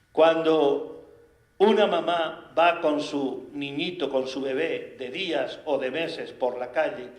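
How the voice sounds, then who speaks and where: A man with a Spanish accent preaching a sermon, animated and full of rhetorical questions. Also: on the high side. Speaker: priest. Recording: echoey room.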